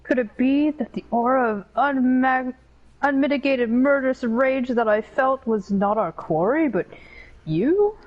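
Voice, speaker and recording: A woman voicing a pompous, earnest gentleman detective from a game, formal and melodramatic. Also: high voice, unhurried, muffled recording.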